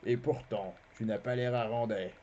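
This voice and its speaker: A reader voicing a suspicious, cold stranger who asks slow, probing questions in a fantasy read-aloud. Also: medium pitch, steady tone, warm tone, a little hiss or hum, natural voice. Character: suspicious, cold foreign merchant-spy. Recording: dull, lo-fi stream audio.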